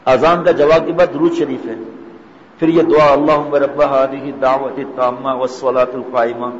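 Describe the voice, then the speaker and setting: A man's voice: medium pitch, little pitch movement. A man giving a storytelling sermon, acting out the dialogue in his stories. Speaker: preacher. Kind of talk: sermon with anecdotes. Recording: dull echoey hall, faint noise.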